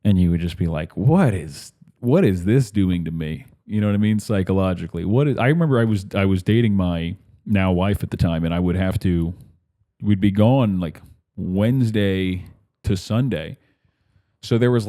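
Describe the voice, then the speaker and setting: This comedian and podcast host has a low, warm voice and talks a little fast. His casual monologue drifts through rambling stories, and he keeps cutting himself off mid-sentence to perform the voices of whoever he's quoting.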